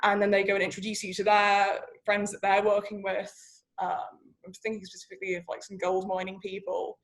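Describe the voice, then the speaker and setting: A woman's voice: mid-range voice, monotone, brisk. A woman startup founder giving candid, chatty interview answers, full of fillers.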